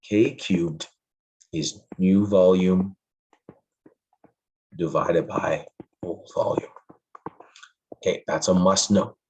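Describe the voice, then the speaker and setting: A man's voice: low voice, a little mellow, poor audio. A male math teacher, losing his voice, explains a lesson in a friendly way and stresses the key points to his students.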